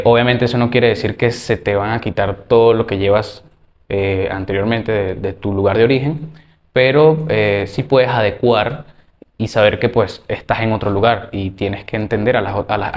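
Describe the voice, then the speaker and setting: A man's voice: fairly low pitch, fairly even intonation, moderate pace. A man with a Venezuelan accent recounting his move within the country, speaking hesitantly with many fillers. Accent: Venezuelan Spanish. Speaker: interviewee. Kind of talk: casual testimony.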